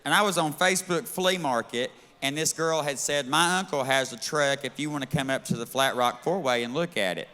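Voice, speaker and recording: A man's voice: fairly high pitch, fairly quick, few pauses, pushed and bright, in a large hall. A man with a Southern US accent doing a brash, bawdy, drawling live stand-up set on a bar stage. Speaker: stand-up comedian.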